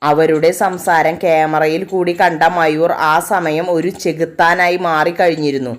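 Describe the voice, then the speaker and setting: A woman's voice: sits low, fairly even intonation, a little slow. Woman narrating a dramatic story.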